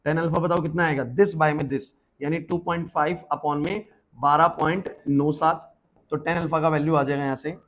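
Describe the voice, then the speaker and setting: A man's voice: on the high side, steady tone, moderate pace, a bit bright. A male physics teacher lecturing a class, quizzing students by name and repeating his questions. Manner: repetitive questions, urging focus.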